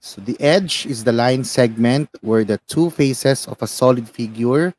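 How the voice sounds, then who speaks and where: A man's voice: mid-range voice, measured pace, darkish tone. A man with a Filipino accent co-hosting an online lesson as a tutor, teaching conversationally and casually with frequent tag questions. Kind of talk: conversational teaching, mixing two languages.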